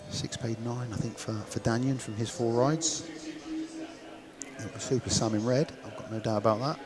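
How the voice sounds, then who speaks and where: A man with a steady, mid-range voice speaks at a normal speed in an English West Country accent. He's a speedway commentator and stream host giving chatty, informal live commentary and thinking aloud, with crowd noise from the outdoor stadium behind him.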